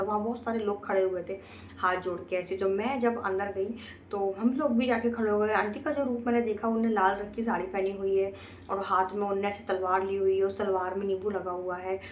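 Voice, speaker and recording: A woman's voice: medium pitch, a little hiss or hum. A woman recounting a personal experience in an earnest, vivid first-person way. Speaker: storyteller. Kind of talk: personal storytelling. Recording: roomy echo, faint ambience.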